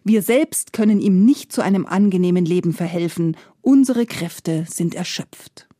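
A woman's voice: lowish voice, moderate pace, warm tone, no echo, clean studio sound, natural voice. A woman voicing a worn-out poor peasant mother who speaks tiredly. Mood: weary.

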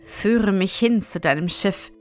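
A woman reading aloud, voicing a young princess in a storybook fairy tale, in a higher, alarmed voice. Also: unhurried, faint music behind, lightly acted. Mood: delighted. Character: frightened young princess, easily charmed.

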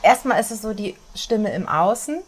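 A woman's voice: medium pitch, normal speed, a little hiss or hum. Woman explaining her ideas in an interview. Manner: lively explaining, acts out little voices and quotes. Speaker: author and speaker, interview guest.

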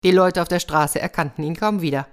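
Give me a low-voiced woman narrating a fairy tale with a lively touch. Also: brisk. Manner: lively, addresses the listeners. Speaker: storyteller.

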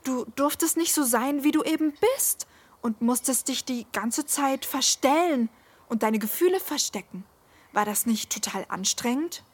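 A woman voicing a kind young friend who talks in a gentle, thoughtful way. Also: sits high, normal speed, husky.

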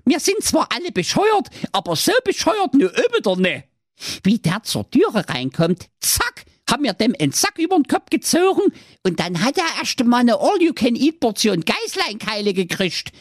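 A man's voice: wildly swooping pitch, moderate pace, no echo, clean studio sound, heavily acted. A man voicing the smallest of seven little goat kids, a cheeky, foul-mouthed youngster blurting out a wild confession in a comic tale. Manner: squeaky, brash, rattling off a wild confession. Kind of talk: comic storytelling.

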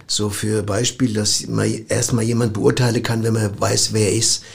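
Rambling co-host, quick, gravelly and husky voice. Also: male voice, lowish voice, flat delivery. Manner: rambling, argumentative. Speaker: radio co-host. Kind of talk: casual comedy banter.

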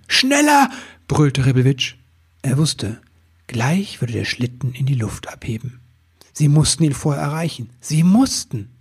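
A man reading a children's Christmas story aloud with calm, expressive narration. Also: medium pitch, slightly rough.

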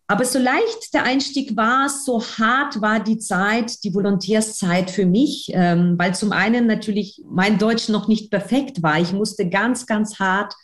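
A woman who isn't from Germany speaks German as a second language with a foreign accent. As an interview guest, a newspaper editor who trains trainees, she gives a personal account and repeats words for emphasis. Her medium-pitched voice moves at a measured pace with hardly any pauses.

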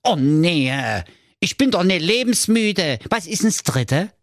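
A young prince who shrieks and whines in near-constant panic. The voice sits very high and swoops wildly from line to line in a dry comedy audio story. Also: male voice, animated, a little slow, dry recording. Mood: whiny. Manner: shrill, frantic, whining.

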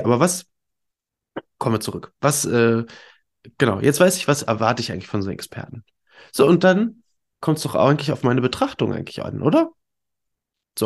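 Male podcast host, mid-pitched, stuffed up with a cold; informal, emphatic coaching delivery straight to the listener. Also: husky. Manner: emphatic, conversational coaching with rhetorical questions. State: congested with a cold. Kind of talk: informal solo podcast talk, addressing listeners directly.

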